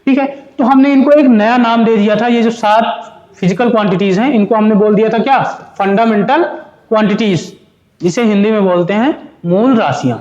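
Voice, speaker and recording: A high-pitched male teacher gives a physics lecture, asking his students questions and answering them himself. The sound echoes in the room, and the recording is dull and lo-fi. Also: moderate pace, a little mellow. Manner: explains step by step, asks and answers his own questions; mixes Hindi and English terms. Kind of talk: classroom lecture.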